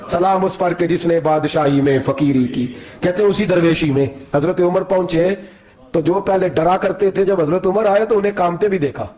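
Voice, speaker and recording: A man giving an emotional sermon, telling stories dramatically and acting out the people in them, rising to near-shouts at the peaks. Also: high voice. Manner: dramatic, acts out quoted voices, rises to near-shouting peaks. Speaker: preacher. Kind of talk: emotional Urdu sermon with storytelling.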